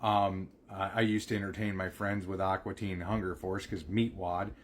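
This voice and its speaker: A man chatting casually on a live stream, rambling with many pauses and fillers. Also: low voice, little pitch movement, slight background noise.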